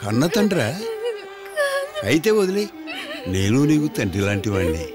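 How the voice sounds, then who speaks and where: A man in a dubbed film playing a kindly elder who gently comforts and coaxes a frightened girl. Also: mid-range voice, big pitch swings, moderate pace, loud music behind the voice, close to an everyday voice.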